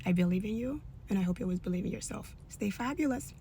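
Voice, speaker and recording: Woman in her 30s telling her faith story, lively and emphatic, casual chat vibe. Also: mid-range voice, fast, creaky, a little hiss or hum. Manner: animated, emphatic, acts out dialogue. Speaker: influencer sharing a faith testimony.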